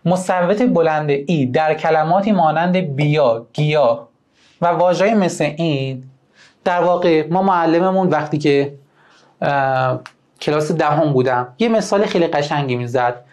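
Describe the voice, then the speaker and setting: A young man teaching a lesson on poetic meter, who chants the metrical feet slowly and then explains them quickly. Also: on the high side, darkish tone.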